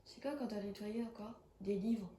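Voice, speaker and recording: Recorded on a phone in a reverberant space with slight background noise, a young gaming streamer with a cold plays a horror game, chatting casually and yelping with startled exclamations. Her mid-range voice is warm and steady at a moderate pace.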